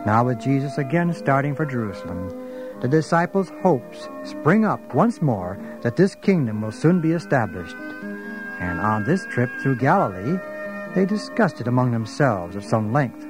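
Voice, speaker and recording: Guy narrating a bible story, medium pitch, very lively intonation, music behind him. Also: moderate pace, rough recording.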